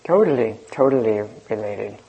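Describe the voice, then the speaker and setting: A man leading a group dharma discussion as teacher, talking slowly and reflectively with a soft-spoken manner and pauses. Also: on the low side, expressive, creaky, breathy edge, muffled recording.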